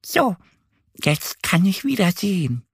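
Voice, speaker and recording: A man voicing a little duck girl in a children's audio story, sulky and easily upset, talking in a high squeaky voice. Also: sing-song, takes it slowly, creaky, husky, no echo, clean studio sound, exaggerated voice. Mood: eager.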